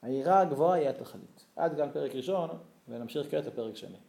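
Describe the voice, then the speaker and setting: A man's voice: medium pitch, lively intonation, vocal fry, dark tone, echoey room. A man giving a religious Torah lesson, telling stories expressively and rising to emphatic peaks. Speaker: Torah teacher.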